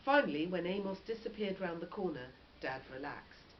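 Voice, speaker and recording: Like a teacher sharing a picture book, a woman with a fairly low pitch reads a children's story expressively at normal speed. She stays animated and adds quick explanations, captured on muffled lo-fi audio with faint background noise.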